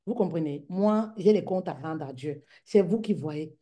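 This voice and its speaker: A woman business coach in casual livestream talk, lively and repetitive, calling her listeners queens and mama. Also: lowish voice, normal speed.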